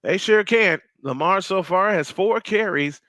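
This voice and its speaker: Excitable hoarse male play-by-play announcer. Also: high-pitched, measured pace, dry recording, clean studio sound. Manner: reads viewer comments aloud between plays, excitable on big runs. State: slightly hoarse, clearing throat. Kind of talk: live play-by-play with viewer chat.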